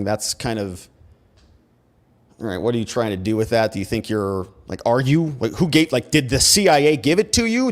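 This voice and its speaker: An American criminal defense lawyer hosts legal commentary, reading documents aloud and breaking in with emphatic, conversational asides. He has a mid-range voice and throws in sarcastic rhetorical questions.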